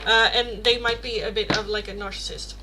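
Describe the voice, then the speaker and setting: A young woman with a Rotterdam Dutch accent is doing a casual tarot reading on a livestream, rambling through questions from chat. She talks fairly quickly in a mid-range voice with a steady tone, chatty and full of fillers and self-corrections, with some background noise behind her.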